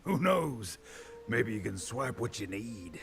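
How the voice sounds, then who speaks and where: An actor playing a sly pirate-town local in a video game, giving tips in a dry, teasing, conspiratorial way. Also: male voice, fairly low pitch, very animated, slow, a bit bright, heavily acted. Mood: sly, helpful. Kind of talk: video game character dialogue.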